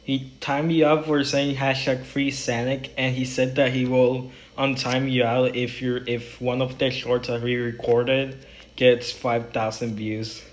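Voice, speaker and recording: A man streaming a game, talking casually to his chat in quick rambling bursts and restarts. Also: mid-range voice, level tone. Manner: rambling, talks to chat while playing; quick bursts, trailing off mid-sentence. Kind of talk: casual gaming livestream chat.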